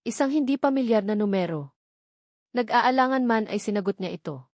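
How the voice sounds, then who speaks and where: Reading a scripted story as dramatic audiobook narration, this Filipino-accented woman speaks fairly quickly with lively intonation. Her voice sits a little high and is somewhat mellow, captured as a dry, clean studio recording.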